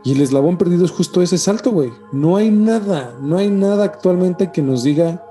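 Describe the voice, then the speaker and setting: In a casual ancient-mysteries podcast with background music, a Mexican-accented co-host speaks with slang and emphasis, frequently repeating himself. His high voice is animated and fairly quick, yet dark in tone.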